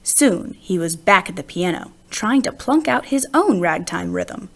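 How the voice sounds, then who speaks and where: Reading a children's picture book aloud, this narrator has a lowish voice with vocal fry. Her delivery is expressive, carefully phrased, and full of emphasized words.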